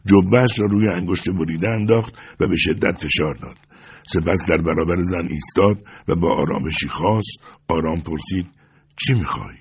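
Male audiobook narrator, steady measured reading, very deep, husky.

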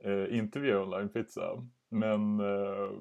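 A man's voice: fairly low pitch, level tone, muffled recording. A man co-hosting a podcast in casual chat, laughing, self-mocking and swearing casually. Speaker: podcast co-host.

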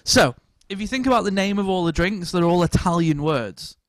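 A man with a higher-than-usual voice hosts a casual, comic podcast. He rambles jokily through his anecdotes. The sound is dry, with very little room. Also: lively intonation, normal speed, no room sound. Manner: rambling, jokey anecdote-telling. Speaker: podcast host.

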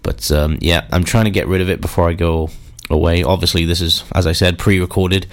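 A man's voice: deep voice, brisk. A man with a bunged-up, stuffy nose from a cold, casually presenting a rock radio show in a chatty, informal way. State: congested with a cold.

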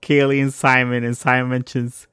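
A man's voice: medium pitch, little pitch movement, moderate pace, fairly bright tone, clear, resonant tone, no room sound. Giggly man recapping a show, dry sound. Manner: giggly, laughs often while summarizing. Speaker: podcast co-host. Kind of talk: casual chat recapping a TV episode.

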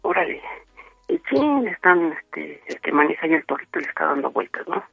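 A man's voice: fairly high pitch, steady tone, fast talker, creaky, slightly rough, no room sound, faint music behind. A Mexican man telling a spooky story over the phone, rambling with many fillers. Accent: Mexican Spanish. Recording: tinny phone line.

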